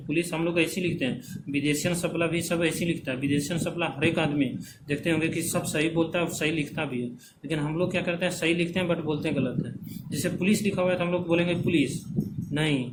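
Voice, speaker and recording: A man teaching English phonetic transcription, repeating words slowly as drills and checking in often. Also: a little high. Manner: checks in often with "theek hai". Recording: background noise.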